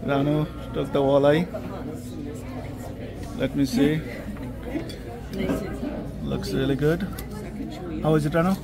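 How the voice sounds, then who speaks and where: A man with a fairly high, creaky voice speaks slowly with fairly even intonation, pausing often against a loud crowd. He's a travel vlogger with a handheld camera on a casual food vlog, strolling through restaurants and streets, inside and outside, and praising the food in simple, friendly words. The camera's audio is noisy.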